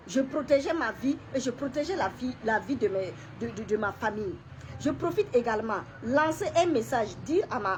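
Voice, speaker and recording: A middle-aged woman gives an emotional personal testimony to camera. She talks haltingly, often repeating words, pausing and clearing her throat. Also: sits high, slight background noise. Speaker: woman sharing a personal story.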